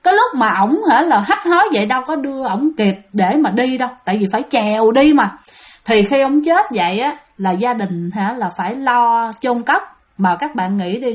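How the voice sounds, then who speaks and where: Southern vietnamese woman, kinda high voice, chatting thru a creepy story to her listeners. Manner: chatty, keeps addressing listeners. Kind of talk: casual ghost storytelling.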